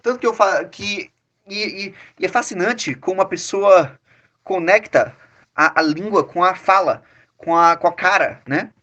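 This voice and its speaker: Blunt, animated Brazilian man chatting. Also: sits high, highs cut off. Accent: Brazilian Portuguese. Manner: animated and blunt, swears, trails off into restarts, quickly mimics other people's lines. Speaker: podcast co-host. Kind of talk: casual chat.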